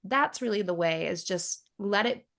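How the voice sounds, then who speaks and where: Thirties woman yoga teacher; casual interview guest, animated storyteller who acts out quotes. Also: mid-range voice, moderate pace. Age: 30s. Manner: chatty, acts out quoted voices, laughs often.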